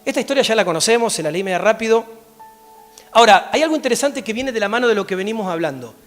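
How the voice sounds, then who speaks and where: High-voiced Argentine pastor preaching. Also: male voice, fast, soft background music. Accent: Argentine Spanish. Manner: animated, often checks in with a rising "¿sí?". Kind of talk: sermon with Bible reading. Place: church.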